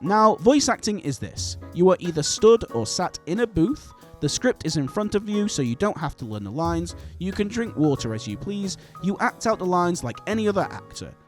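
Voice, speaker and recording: A man's voice: high voice, big pitch swings, normal speed, few pauses, faint music behind. A man reading a scripted video essay as its narrator.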